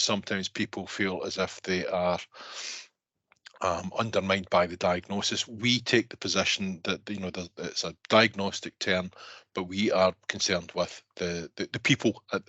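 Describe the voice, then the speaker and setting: A middle-aged man with a Scottish accent introducing an online workshop informally, halting and repeating words, on a video call. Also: low-pitched, pushed and bright, no room sound. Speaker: programme lead hosting an online workshop. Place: indoor room, on a video call. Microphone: video call microphone.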